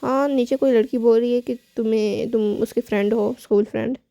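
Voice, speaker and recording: A woman voicing a calm young adult older brother who speaks matter-of-factly. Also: on the high side, brisk, gravelly, dry recording.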